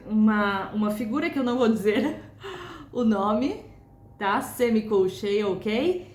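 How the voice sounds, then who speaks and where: A Brazilian woman teaching music, explaining patiently and chanting rhythm words slowly. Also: high-pitched, echoey room. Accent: Brazilian Portuguese. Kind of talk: video lesson.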